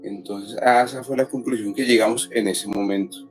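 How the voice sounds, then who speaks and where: A man's voice: on the low side, fairly even intonation, moderate pace, faint music behind, low-quality recording. Earnest Colombian man recounting a story. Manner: earnest, restarts and repeats himself while recounting. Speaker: guest telling a true story. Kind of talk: radio storytelling, personal paranormal account.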